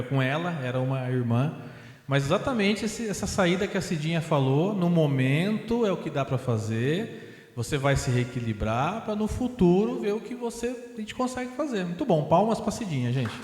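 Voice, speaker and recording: A man's voice: on the high side, normal speed. Brazilian man teaching in an echoing hall. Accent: Brazilian Portuguese. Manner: lively, retells dialogues in quotes. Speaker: seminar speaker. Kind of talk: teaching seminar talk. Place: large hall of a spiritist center. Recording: roomy hall with long reverb.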